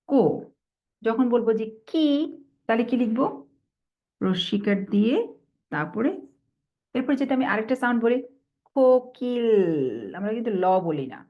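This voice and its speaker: A woman's voice: a little high, muffled recording. A woman teaching English phonics in Bengali, mixing in English words, patiently modeling sounds and often checking that students follow. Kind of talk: online phonics lesson.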